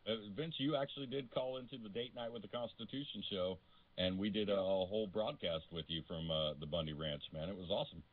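A man's voice: lowish voice, fast. An American man talking in an emphatic, outspoken way, as a co-host on casual opinionated talk radio. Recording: tinny phone-like line.

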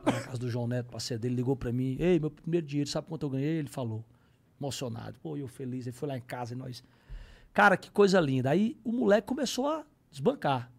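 A man tells stories on a podcast in an animated, slangy way, breaking into sung parodies. His voice has a gravelly, fried edge at a middling pitch. He sounds like a man in his thirties. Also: fast talker. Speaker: podcast guest, comedian. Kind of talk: casual storytelling chat.

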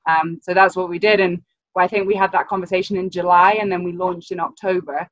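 A British woman in her twenties who works as a ski coach chats casually on a video call, laughing often and using plenty of "um" and "like." Her voice is on the low side, brisk and fairly even in intonation, and the dry recording has dull lo-fi call quality.

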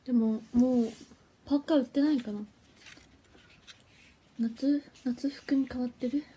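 A young idol woman hosting a casual phone livestream. Her voice sits high, with a mellow, breathy tone. She chats and giggles freely and gets flustered easily. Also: fairly even intonation, measured pace. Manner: chatty and giggly, flustered when her stream freezes.

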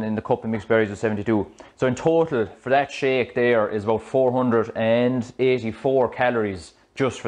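A man in his thirties with an Irish accent, a fitness coach talking through a smoothie recipe in his home kitchen on a clip-on mic, chatty and explanatory. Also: medium pitch, a little mellow. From Ireland. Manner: chatty, explanatory, loose restarts. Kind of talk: casual cooking demonstration. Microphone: small clip-on mic.

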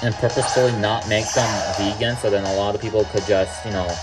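Loud game music plays behind a young man from Mexico doing casual let's-play commentary for his gaming YouTube channel. He talks fast in a lowish, fairly even voice, rambling, wandering off topic and swearing freely.

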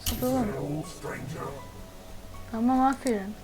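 A woman commenting on her gameplay as she plays, chatty and thinking aloud, with quick startled exclamations. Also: fairly high pitch, steady tone, over loud music, poor audio. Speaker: gaming channel host.

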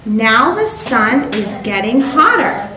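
A woman's voice: on the high side, big pitch swings, slow pace, a crowd in the background. A woman hosting a children's show, teaching a child with picture cards in a sing-song, coaxing, praising way. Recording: echoey room with music behind.

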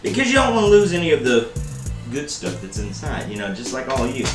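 Speaking at a quick pace with huge pitch swings, a medium-pitched man in his thirties runs a casual home cooking show. He's playful and jokey, addressing viewers as baby and buddy, and a camera mic a few feet off captures him in a roomy kitchen with background music.

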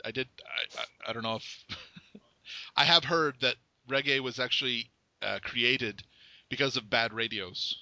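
A man's voice: mid-range voice, unhurried, pushed and bright, dry recording. A man hosting an interview, chatting casually and joking with his guest. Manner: joking, conversational. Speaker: podcast host.

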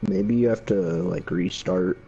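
A man's voice: low-pitched, measured pace, warm tone, dull audio, soft background music. A man chatting with friends during a game, talking in a laid-back, offhand way. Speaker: friend in a party chat. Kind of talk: casual gaming chat.

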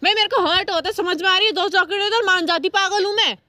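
Very high-voiced hurt, insistent young woman. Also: fast talker, pushed and bright, no echo. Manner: insistent, hurt and repeating herself. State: tearful. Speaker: girlfriend being pranked. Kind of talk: heated casual argument.

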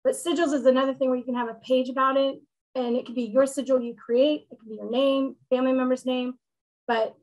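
A woman in her thirties hosting a witchcraft meetup over a video call, explaining in a relaxed, joking teaching chat from a room at home. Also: high voice, rough recording.

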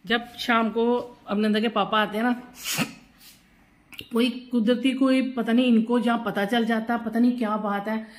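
A woman's voice: a little high, fairly even intonation, normal speed. A middle-aged woman chatting casually in a home vlog while she does kitchen chores, rambling from one topic to the next, at times drifting away from the phone. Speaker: vlogger.

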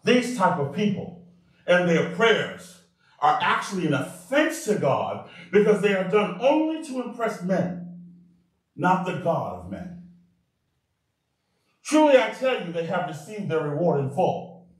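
A male pastor preaching a sermon in an animated way, calling out to the congregation for responses. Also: high voice, measured pace, pauses often. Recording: very echoey room, mic far off.

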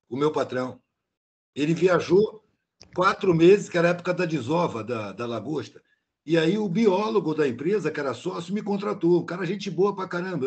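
A blunt older man tells a long story on a video call in a slangy, casual way. His voice sits fairly high for a man. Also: a little mellow. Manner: blunt and slangy, peppered with "mano". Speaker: meeting participant.

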